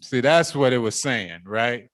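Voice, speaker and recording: A male preacher delivering a sermon, repeating phrases and asking "right?", rising from quiet musing to loud exhortation. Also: on the high side, slow, no room sound, studio quality. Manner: repetitive call-and-response phrasing with frequent "right?".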